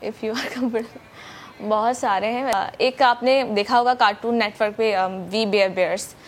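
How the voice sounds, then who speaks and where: A woman's voice: on the high side, fairly even intonation, a little hiss or hum. A young woman from Pakistan, a voice-over artist, chatting eagerly in a morning show interview with many fillers. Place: TV studio.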